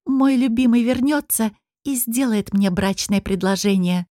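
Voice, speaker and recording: A woman's voice: fairly high pitch, level tone, unhurried, no room sound, studio quality, lightly acted. A woman doing a fiery, proud young sorceress. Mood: indignant. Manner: indignant, sharp retorts. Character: proud, hot-tempered young woman mage. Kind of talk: audiobook character reading.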